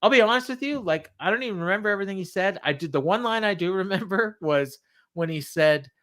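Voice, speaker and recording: A man casually recapping from memory as a podcast co-host, halting and backtracking as he paraphrases what was said. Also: high voice, expressive, a bit bright.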